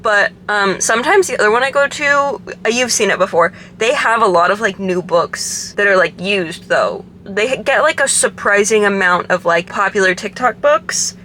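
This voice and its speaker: A woman's voice: mid-range voice, expressive, moderate pace, few pauses, bright, forceful tone, a little hiss or hum. A young woman in her twenties talking casually to her camera from a parked car, rambling with many fillers. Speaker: vlogger. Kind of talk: casual vlog chat. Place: parked car in a parking garage.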